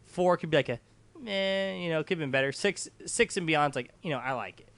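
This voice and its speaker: A man's voice: a little high, a little fast, a bit bright. A tipsy man hosting a casual film review chat, rambling and stumbling over his words. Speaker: host of a drunk film review show.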